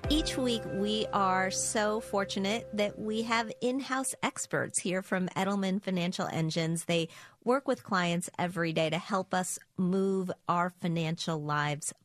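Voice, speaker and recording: A woman co-hosting a personal finance show, explaining market terms in a steady, clear conversational way. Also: medium pitch, a little slow, faint music behind. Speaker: podcast co-host, personal finance expert.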